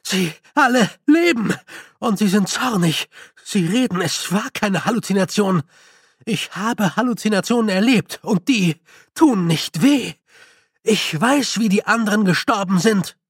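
A man's voice: sits high, animated, measured pace, slightly rough, no room sound, clean studio sound, voice pushed up, exaggerated voice. A man voicing a frantic young male con man, agitated and breathless. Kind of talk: audiobook character voice.

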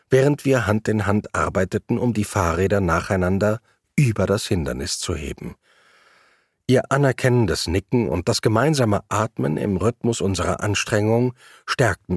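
A man narrating a first-person travel story in a measured, reflective way. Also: on the low side, breathy edge, no room sound, clean studio sound.

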